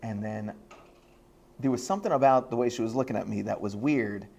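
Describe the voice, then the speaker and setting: A rabbi telling a self-deprecating funny story to a school audience, animated and laughing as he goes. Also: lowish voice, a little fast, creaky, a little hiss or hum. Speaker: rabbi giving a talk at a high school. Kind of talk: humorous personal storytelling.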